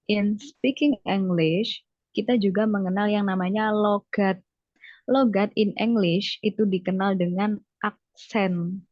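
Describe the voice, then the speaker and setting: A woman teaches English one-on-one over a video call, speaking slowly and patiently. She mixes English words into her explanations and keeps encouraging her student. The call audio sounds muffled and dry. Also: mid-range voice, dry recording. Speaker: English tutor. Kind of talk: online one-on-one English lesson.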